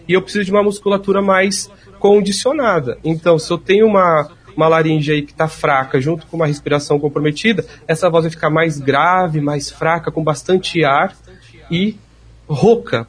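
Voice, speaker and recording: Man, speech therapist, husky and slightly high voice, patient explainer. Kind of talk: explanatory interview answers.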